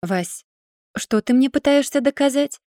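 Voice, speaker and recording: A woman's voice: high voice, lively intonation, measured pace, warm tone, no echo, clean studio sound, voice pushed up. A woman voicing a tearful, stubborn young werewolf wife in an audiobook, wailing and indignant.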